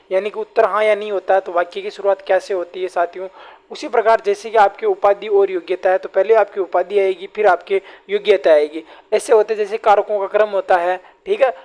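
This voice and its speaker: A man's voice: high voice, darkish tone. Man teaching grammar, repeating himself. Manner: addresses viewers as companions, repeats key phrases; reads example sentences slowly and deliberately. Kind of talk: online exam-prep lesson.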